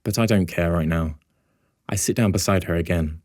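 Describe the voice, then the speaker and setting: A man's voice: deep voice, moderate pace, darkish tone, dry recording. A man narrating an audiobook in the first person, with a wry, inward storytelling manner, on a close studio mic.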